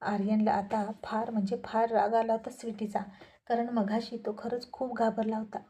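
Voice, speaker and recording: A woman narrating a serialized family story in a steady reading voice. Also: on the high side, normal speed, slightly rough.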